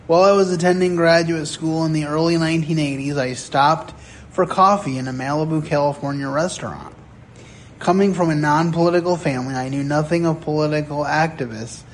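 A man in his sixties preaching a sermon in a chapel, telling stories earnestly with deliberate pauses. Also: fairly high pitch, slight background noise. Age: 60s. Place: chapel sanctuary.

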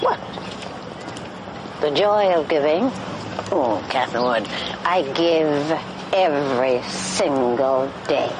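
A ruthless older woman banker in a TV drama. She is curt and scornful, with lively swings of pitch, over a noisy film soundtrack with street ambience. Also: takes it slowly, pauses often. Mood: sardonic. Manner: curt, sardonic, cutting.

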